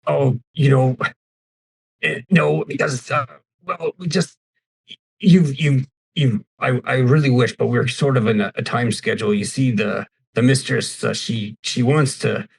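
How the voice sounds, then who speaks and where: A man's voice: medium pitch, steady tone, measured pace, vocal fry, breathy edge, rough recording. A man voicing a nervous, apologetic prison guard who stammers and rambles politely. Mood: flustered.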